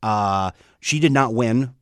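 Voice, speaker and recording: Male comedy podcast host; meandering, filler-heavy delivery, medium pitch, dry booth sound. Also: no echo. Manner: halting, many fillers and restarts. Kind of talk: rambling comedic storytelling.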